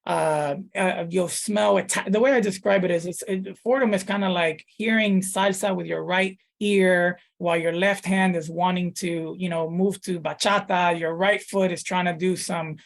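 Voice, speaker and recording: A man's voice: high-pitched, fairly even intonation, normal speed, gravelly, few pauses. A man in his thirties from the Dominican Republic, a pastor talking casually in an interview, thoughtful, with many fillers and restarts. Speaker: pastor, guest.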